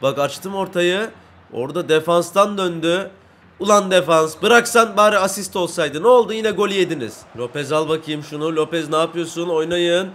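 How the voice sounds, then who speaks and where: A young man giving live commentary while playing a football video game, excitable and boastful, shouting at his teammates and chanting when he scores. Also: fairly high pitch, normal speed. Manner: excitable, bursts into shouts and sing-song chants at goals; brags and grumbles at teammates.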